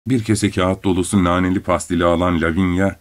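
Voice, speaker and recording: A man narrating an audiobook in a measured storytelling manner. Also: deep voice, fairly even intonation. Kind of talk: scripted narration.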